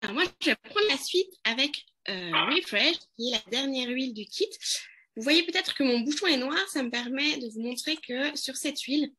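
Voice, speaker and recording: A woman's voice: sits high, expressive, normal speed, bright, forceful tone, slight background noise. A woman presenting an essential oil blend in a casual live demo, hesitant, with many fillers and restarts.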